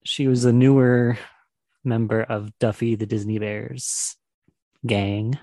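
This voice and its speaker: A man's voice: mid-range voice, fairly even intonation, slow, mellow, no echo. A man co-hosting a podcast and running a quiz game, chatty and enthusiastic, laughing often. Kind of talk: casual chat.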